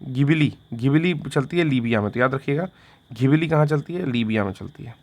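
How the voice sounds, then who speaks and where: A man's voice: medium pitch, lively intonation, a little fast, darkish tone. Man drilling exam facts, repetitive. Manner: repetitive, quizzing himself with questions and answers; fillers like "theek hai" after each point. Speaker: exam coaching teacher. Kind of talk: Hindi exam revision lesson.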